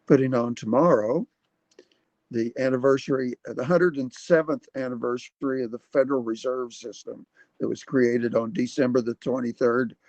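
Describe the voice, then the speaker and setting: A man in his seventies hosting a casual livestream from his computer at home, rambling and halting with many fillers. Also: mid-range voice, a little mellow, no room sound, lo-fi sound. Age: 70s. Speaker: livestream host. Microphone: computer webcam mic.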